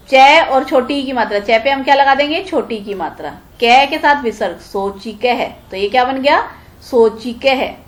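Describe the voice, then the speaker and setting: A woman teacher explaining a school lesson, asking questions and answering them herself, drawing out each word with care. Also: high voice. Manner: drawn-out careful pronunciation of words. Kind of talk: Hindi classroom lesson explaining Sanskrit exercises.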